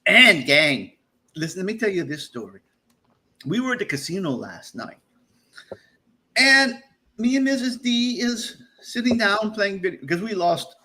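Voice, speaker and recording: A man hosting a casual live-stream chat, loud and animated, laughing often and rambling through shout-outs. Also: sits high, unhurried, pauses often. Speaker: podcast host.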